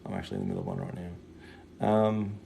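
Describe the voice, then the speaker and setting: Giving live psychic readings on a livestream, a man talks casually and matily, swearing and using lots of slang. He sounds low, dark, very animated and brisk, though the audio is poor and background noise comes through clearly.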